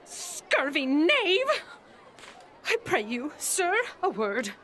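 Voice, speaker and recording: A woman's voice: high-pitched, big pitch swings, drawn-out words, fairly bright tone, a little hiss or hum, exaggerated voice. A woman acting a talkative, easily offended, bawdy servant in classical Shakespearean stage style, blustering and full of exclamations. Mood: flustered, warning.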